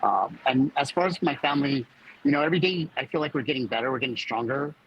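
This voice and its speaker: A man of about fifty giving a personal account as a fire captain in an interview, speaking haltingly as he searches for words. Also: mid-range voice, expressive, lo-fi sound, slight background noise.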